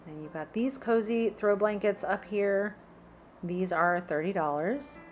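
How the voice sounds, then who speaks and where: With faint music behind her, a shopping vlogger speaks in a mid-range voice at an unhurried pace. She chats casually while browsing a large store and reads prices aloud as she walks.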